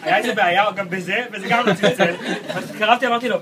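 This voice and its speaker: A man, the groom-to-be, chiming into a shared story in a casual, low-key way with small corrections. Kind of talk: casual chat. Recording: distant mic with noisy surroundings.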